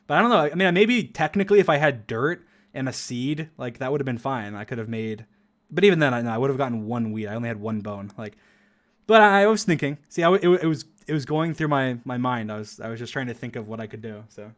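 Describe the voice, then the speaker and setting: A man's voice: medium pitch, animated, quick pace. Young man, streamer, casual commentary, rambling, filler-heavy, laughs often. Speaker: streamer reviewing his own video. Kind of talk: casual commentary over gameplay.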